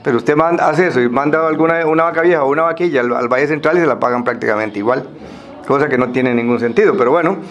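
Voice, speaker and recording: A Costa Rican man speaking semi-formally to a group, explaining things in a halting way with pauses and repeated words. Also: medium pitch, dull audio, faint music behind.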